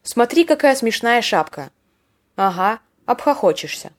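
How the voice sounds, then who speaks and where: Faint music sits behind this woman's high-leaning, very animated voice, which moves a little slowly. As host of a podcast on Russian slang, she narrates from a script with wry humor and playfully acts out short sample dialogues.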